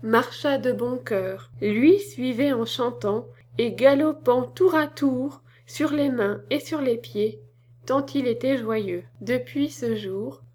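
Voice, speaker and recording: A woman narrating a classic tale as an audiobook, reading in a measured storytelling manner. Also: fairly high pitch, a little mellow.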